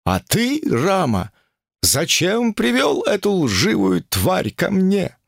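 A man playing a gravelly sanctimonious guru. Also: high-pitched, wildly swooping pitch, no room sound, clean studio sound, full character voice. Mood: self-righteous. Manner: sanctimonious, drawn-out preaching. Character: pompous fanatical male guru preaching against women. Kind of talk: audiobook character reading.

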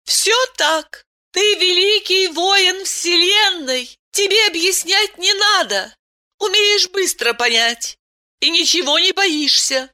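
A tender, teasing otherworldly wife speaks in a high, lilting audiobook voice, put on by a woman narrator. Her cooing lines wander widely in pitch and move slowly. The tone stays bright and clear. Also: animated, full character voice. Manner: soft cooing, playful. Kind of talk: audiobook character reading.

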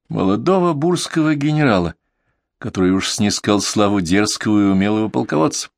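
A man reading a historical war novel aloud as an audiobook narrator, in a measured, steady storytelling manner. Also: lowish voice, no room sound, clean studio sound. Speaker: audiobook reader. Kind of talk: scripted narration of historical prose.

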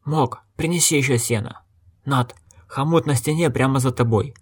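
A man's voice: mid-range voice, normal speed, husky, lightly acted. A man voicing a middle-aged innkeeper who barks urgent orders at his sons. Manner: commanding, urgent.

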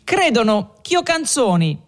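A boisterous young village peasant, as a male reader puts him on, high and exuberant, his exclamations ringing out over faint music. He is storybook-cheerful and boastful, and the voice rises freely. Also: sing-song, unhurried, exaggerated voice. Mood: jovial.

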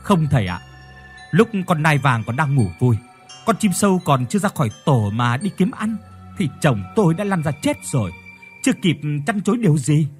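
A man voicing a grieving village widow with a hoarse, mournful voice. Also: on the high side, very animated, moderate pace, soft background music.

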